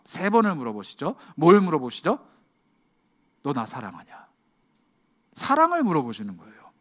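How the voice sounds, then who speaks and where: A male youth pastor delivering an impassioned sermon, shifting to a hush at key words and acting out quoted lines. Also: fairly high pitch.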